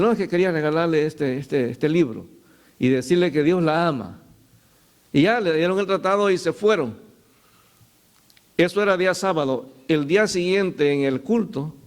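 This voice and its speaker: A middle-aged man preaching a sermon as pastor, telling stories and calling his listeners "brother". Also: on the high side. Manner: storytelling, addresses listeners as "hermano".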